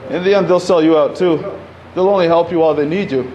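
A man's voice: on the high side, quick pace, a little mellow, highs cut off. A man in his thirties, originally from Egypt, speaks at a podium in a community center hall, talking conversationally with lots of fillers and restarts. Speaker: panel speaker. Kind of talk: public talk at a podium. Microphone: podium microphone.

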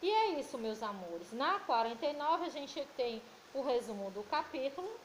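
A woman with a Brazilian Portuguese accent, a primary school teacher giving a recorded remote lesson to children, affectionate and patient, reading word lists slowly. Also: high-pitched, sing-song, slight background noise, rough recording.

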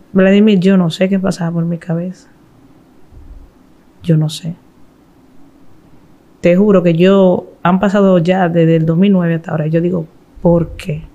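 A woman from the Republic, a guest in an interview, telling her own story in an earnest, halting way and acting out the voices of the people in it. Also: fairly low pitch, dark tone, highs cut off.

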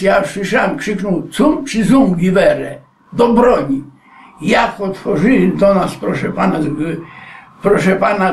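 A man in his nineties, a war veteran, recalling his wartime past in a rambling oral-history interview and often addressing the interviewer as sir. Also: high voice. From Poland. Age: 90s. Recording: echoey room, distant mic.

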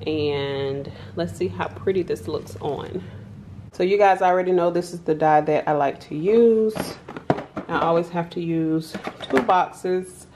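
A young woman with a low voice talks slowly and chattily to her viewers, gushing over a new wig. She is recorded on a camera mic in her home kitchen, with faint room noise behind her. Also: warm tone. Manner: enthusiastic, chatty, addresses viewers directly. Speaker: vlogger. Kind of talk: casual product review vlog.

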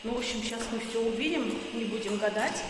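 Brisk and fairly high-pitched, a middle-aged woman rambles through a casual vlog over a noisy background, thinking aloud as she goes. She films herself on a phone at arm's length while moving between a stairwell, a parked car and a busy supermarket.

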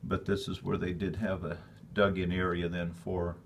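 A man's voice: low voice, level tone, moderate pace, gravelly, a little hiss or hum. A man giving a casual, rambling walkthrough of his old basement as a homeowner, filming on a handheld phone. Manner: rambling, plainspoken, with fillers. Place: dark stone basement, indoors. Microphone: handheld phone camera. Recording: echoey basement room.

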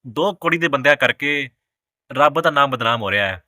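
A man's voice: medium pitch, expressive, fairly quick, sharp tone, no echo, clean studio sound. A young man, giving blunt, heated social commentary to the camera. He swears freely and repeats his points with scorn. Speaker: vlogger.

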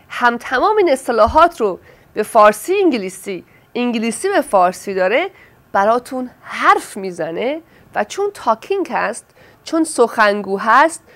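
A woman presenting a product in a sales pitch, fluently listing its features.

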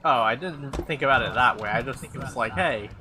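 A man plays a game while chatting, cracking jokes and rambling with plenty of "uh" and "like". His voice sits at a middle pitch. A clear hiss runs behind him from a noisy home mic. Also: fairly quick. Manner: joking, rambling with fillers. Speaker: let's play player. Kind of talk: casual gameplay chat.

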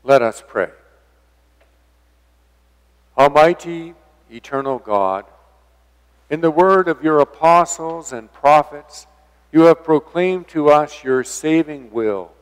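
A man leading a church prayer as pastor, intoning slowly and evenly in a cathedral echo. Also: fairly high pitch, lively intonation, clean tone. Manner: slow, measured intoning. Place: large church sanctuary. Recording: long church reverb.

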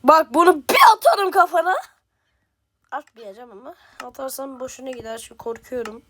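A woman giving playful, excitable gameplay commentary as a gaming streamer, trash-talking and reacting loudly. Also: high-pitched, moderate pace, slight background noise. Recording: game music behind.

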